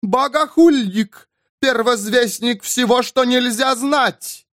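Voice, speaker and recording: A man voicing a fanatical nun who hurls slow, shrill accusations. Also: fairly bright tone, no echo, studio quality, exaggerated voice. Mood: accusing. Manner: shrill, drawn-out denunciations.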